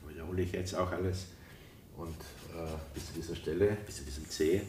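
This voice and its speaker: An older man from Tyrol giving a calm step-by-step ukulele lesson, counting in and explaining slowly. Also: sits low, soft background music. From Tyrol, Austria. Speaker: ukulele teacher. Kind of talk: relaxed step-by-step music lesson. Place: wood-paneled room indoors. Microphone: camera mic at a distance. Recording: echoey room, voice from far off. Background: ukulele playing.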